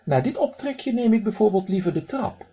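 A man's voice: sits high, animated, brisk, warm tone, breathy edge, pitched above the performer's own voice. A man voicing a pompous, posh older male duck who speaks in a haughty, affected upper-class manner, in a storybook reading.

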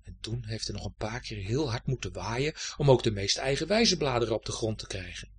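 A man reading a children's story aloud in a gentle, expressive way. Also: medium pitch, a little fast, husky.

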